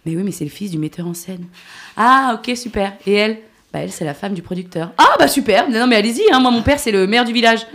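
A woman tears through a comic radio rant at a rapid clip. Her delivery is exasperated and animated, with plenty of swearing. Her voice sits at an ordinary middle pitch. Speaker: comedy columnist. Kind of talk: ranting comic chronicle.

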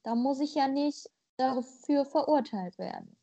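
High-pitched and dark in tone, with vocal fry and lively intonation, this woman speaks at a measured pace; the highs in the audio are cut off. She's a German-born podcast co-host whose casual chat is blunt and playful, and she likes to stretch out a joke.

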